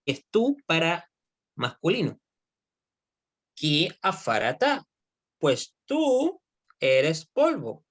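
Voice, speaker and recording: A man teaching Hebrew grammar in an online class. He speaks at an unhurried pace and keeps pausing to make sure his students are following. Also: a little high, wildly swooping pitch. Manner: explains slowly, often checks with "¿ya?".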